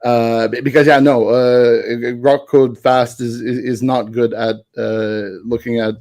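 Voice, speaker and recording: Mellow, rambling male developer. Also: mid-range voice, flat delivery. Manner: rambling, self-correcting, quick to laugh. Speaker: guest developer. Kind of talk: casual tech chat.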